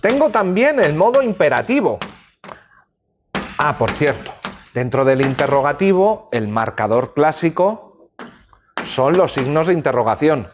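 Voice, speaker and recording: A man's voice: mid-range voice, background noise. A male law lecturer giving a university class, explaining ideas with everyday examples and checking in with students. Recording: dull lo-fi classroom recording.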